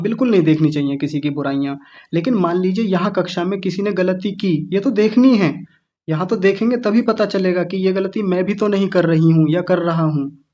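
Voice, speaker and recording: Patient high-voiced man teaching pronunciation. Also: darkish tone, highs cut off. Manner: patient, slow syllable-by-syllable demonstration. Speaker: Sanskrit recitation teacher. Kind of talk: online class teaching pronunciation. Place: online video class.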